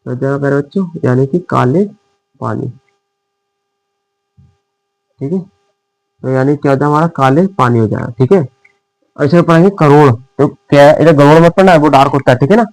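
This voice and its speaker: Calling his students dear children, a man teaching shorthand asks questions and answers them himself in a repetitive, quiz-like way. His fairly high, slightly mellow voice moves at normal speed with long pauses; there's no echo, but the audio is poor.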